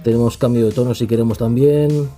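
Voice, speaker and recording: A man with a Castilian Spanish accent talks through a tech review in an informal, off-the-cuff way. His voice is mid-pitched and mellow, with music playing faintly behind him. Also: fairly even intonation, a little fast. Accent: Castilian Spanish from Spain. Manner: informal, unscripted, tags phrases with questioning checks. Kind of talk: casual spoken app review.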